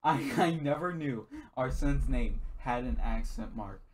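A young man pushing back hard in a heated but playful argument with a friend. He keeps denying and repeating himself, swears freely, and laughs between lines. His voice sits at an ordinary pitch. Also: a little slow, crowd noise. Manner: insistent, defensive, swears, laughs. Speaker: gaming video co-host.

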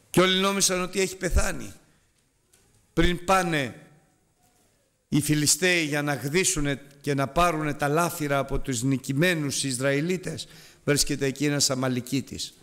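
A man's voice: pauses often, fairly bright tone. A man preaching a sermon, retelling scripture dramatically, his voice climbing and falling sharply as he addresses the congregation. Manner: dramatic retelling of scripture with big rises and drops in pitch; addresses the congregation directly and urges them.

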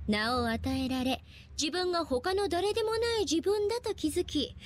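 A high-pitched, theatrical whimsical witch. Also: a little hiss or hum. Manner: theatrical, old-fashioned wordy speech. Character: whimsical, teasing witch with archaic old-timer speech. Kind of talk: anime game voice acting.

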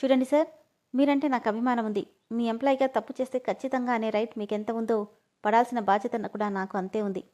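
Woman voicing an earnest young female employee, polite, innocent, storybook reading, fairly high voice. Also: steady tone, fast, dark tone, close to an everyday voice.

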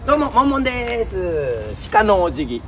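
High, animated comedian, outdoors. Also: male voice, normal speed. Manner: punchy, pun-driven delivery. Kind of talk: rapid one-liner gag medley. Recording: distant mic, noisy outdoor ambience.

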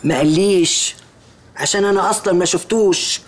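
An actress playing a sharp-tongued mother figure with an Egyptian accent, brisk and teasing. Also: lowish voice, lightly acted. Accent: Egyptian Arabic.

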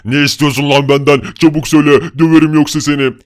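A massive always-angry brute, as a man puts him on for a block-building game video, growling threats in a gruff, bullying voice. the voice sits mid-range and barely moves, flat and menacing, and it comes through smooth and clean. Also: fairly high pitch, quick pace, pitched below the performer's own voice, close to an everyday voice. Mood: angry, threatening. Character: huge hot-tempered male Hulk brute.

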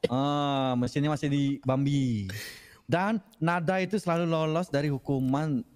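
A man's voice: fairly high pitch, steady tone, a little slow, darkish tone. A man in a game roleplay making emphatic, accusatory complaints against the police as a witness. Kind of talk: roleplay interview testimony. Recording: long reverb.

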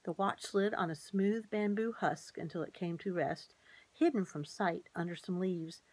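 A woman reading a children's chapter book aloud in a measured, gently expressive way. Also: fairly low pitch, dry recording. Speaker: narrator. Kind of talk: storybook read-aloud.

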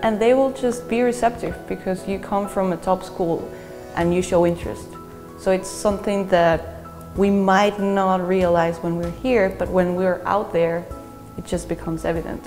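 A young woman, a graduate student speaking earnestly in a measured way with thoughtful pauses in an interview testimonial. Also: mid-range voice, steady tone, a little mellow. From Peru. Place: bright indoor university hallway with large windows. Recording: long reverb with faint music behind.

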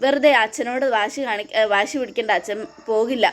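A woman's voice: on the high side, brisk, close to an everyday voice. A woman voicing a frightened young daughter pleading with her father. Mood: hurt.

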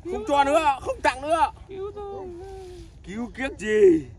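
A woman playing an unhinged, clingy young woman who lurches between yelling and muttering. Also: high-pitched, sing-song, unhurried, a crowd in the background, heavily acted.

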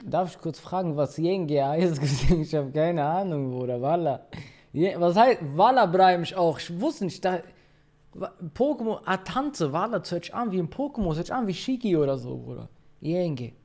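A man's voice: fairly high pitch, expressive, normal speed, mellow. A male streamer giving casual, slangy reaction commentary and laughing easily.

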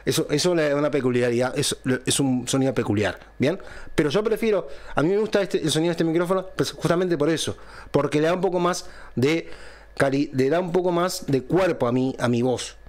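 Man, slightly high pitch, casual tech review, patient explainer, close dynamic mic, home studio. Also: brisk. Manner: explanatory, checks in with a frequent "¿bien?". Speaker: channel host reviewing a microphone. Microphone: close dynamic studio microphone through a mixer.

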